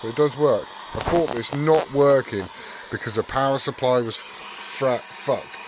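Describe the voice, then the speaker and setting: Over a noisy background, a medium-pitched male voice speaks a little slowly. The hobbyist video host does a hands-on repair in a casual vlog, cursing and muttering to himself while he works.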